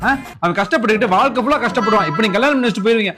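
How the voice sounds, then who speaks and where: Fast-talking man ranting in a skit. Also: sits high. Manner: ranting, complaining. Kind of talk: acted comedy skit.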